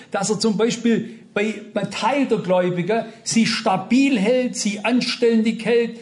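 A man's voice: sits high, darkish tone. A man preaching an earnest, emphatic sermon, speaking directly to his congregation. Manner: retells an anecdote with dialogue.

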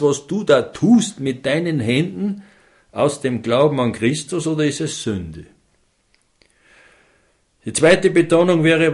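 A man delivers a sermon in a measured, mid-pitched voice. He speaks slowly and deliberately, weighting single words and repeating phrases for emphasis. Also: a little mellow. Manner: slow, emphatic, repeating key words with stress. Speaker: preacher.

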